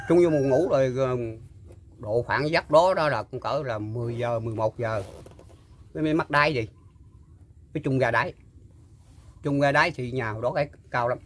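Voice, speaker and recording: An older man, recalling a story in casual talk and pausing often with fillers and repeated words. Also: medium pitch, slight background noise. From Mekong Delta, Vietnam. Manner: halting, full of fillers and repeats. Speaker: guest storyteller. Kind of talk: casual spoken recollection.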